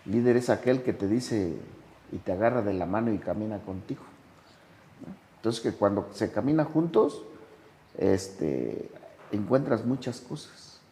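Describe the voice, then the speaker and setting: A man with a gravelly, mellow voice talks slowly and thoughtfully as a sponsor. He tells his anecdotes with animated jumps in pitch. The sound carries a long reverb. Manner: slow, measured delivery with dramatic pitch swings when telling anecdotes. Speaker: sponsor and podcast guest. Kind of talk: reflective conversational storytelling.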